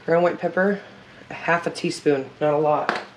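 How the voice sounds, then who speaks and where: A woman in her home kitchen calmly talking through a recipe step by step as she cooks. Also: sits low, moderate pace, heavy background noise. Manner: relaxed, step-by-step instructions while cooking. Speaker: home cook showing a recipe. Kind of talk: casual cooking demonstration. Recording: loud kitchen clatter and stirring.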